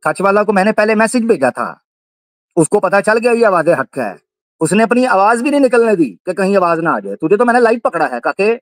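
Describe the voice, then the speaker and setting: A man's voice: high-pitched, big pitch swings, a little fast, no room sound. A man hosting a livestream debate, taunting and repeating his jabs in a heated call-out. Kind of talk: heated live call-out on stream.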